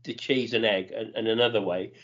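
A man's voice: on the low side, steady tone, fairly quick. A middle-aged man, chatting casually as a podcast co-host and enthusing about food. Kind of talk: casual chat. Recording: dull lo-fi podcast audio.

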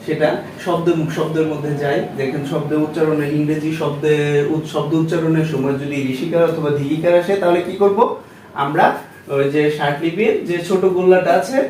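Man, patient teacher, fairly high voice, echoey room, distant mic. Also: darkish tone, slight background noise. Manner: patient, repeats steps with quiz-like questions. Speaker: shorthand teacher. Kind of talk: classroom lesson.

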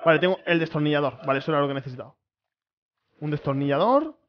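A man's voice: fairly high pitch, animated, fast, dull audio, a little hiss or hum. A young man talks through a horror game for his viewers. He sounds nervous and jumpy, repeating himself over and over when the scares hit. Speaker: gaming streamer. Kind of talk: casual horror gameplay commentary.

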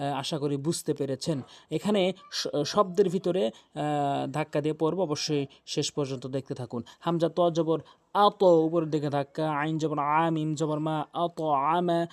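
A man's voice: a little high, a little mellow. Patient man spelling out Quran letters. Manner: slow, repetitive spelling-out of letters and sounds; patient, reassuring explanations. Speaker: Quran reading teacher. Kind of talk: recorded teaching lesson.

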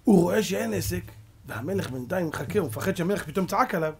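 A man, a rabbi, giving a storytelling sermon, animated, acting out characters and asking rhetorical questions. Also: sits high, gravelly.

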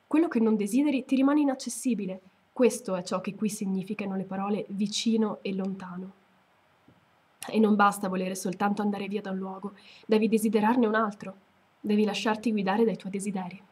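A woman voicing a wise, solemn male lion in a read-aloud story, speaking in a grave, measured way. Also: medium pitch, steady tone, darkish tone, breathy edge, close to an everyday voice.

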